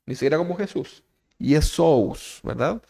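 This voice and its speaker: Gravelly yet mellow, his slightly high voice stays animated while moving at a measured pace. The Chilean pastor teaches his sermon conversationally, repeatedly asking "¿verdad?" and addressing questions straight to the congregation.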